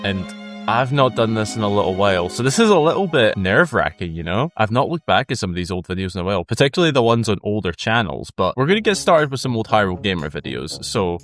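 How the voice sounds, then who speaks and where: This YouTube host, a Scottish man in his twenties, has a lowish, slightly bright voice. He chats casually through his reaction commentary, restarting often and poking fun at himself in amused asides.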